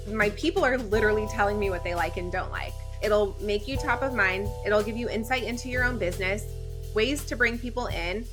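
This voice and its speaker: A woman in her thirties, from Israel, speaking as a podcast guest in an energetic, conversational way. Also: medium pitch. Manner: energetic, conversational, says "like" often. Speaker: guest, community founder. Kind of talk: podcast interview.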